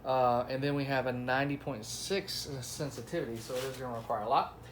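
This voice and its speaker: Talking a little fast in a mid-range voice, a man reviews a product off the cuff. He keeps it informal with his audience, addressing them as "guys" and "y'all."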